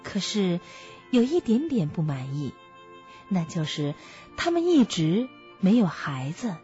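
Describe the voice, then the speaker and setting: A woman reading a fairy tale aloud to children, as a gentle storyteller. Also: on the low side, very animated, a little slow. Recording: muffled, dry, soft music behind.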